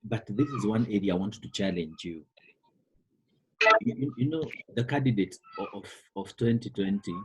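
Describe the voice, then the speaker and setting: Deep husky Kenyan male teacher. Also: normal speed, dark tone, poor audio. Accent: Kenyan English. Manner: repeats words, stresses key terms, calls on students by name. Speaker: biology teacher. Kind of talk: online class lecture. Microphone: computer microphone on a call.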